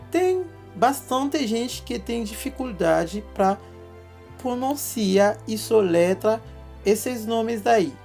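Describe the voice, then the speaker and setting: Slow-talking woman. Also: fairly high pitch, darkish tone. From Haiti. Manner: spells words letter by letter, checks in often with "ok?". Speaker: language teacher. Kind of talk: online language lesson.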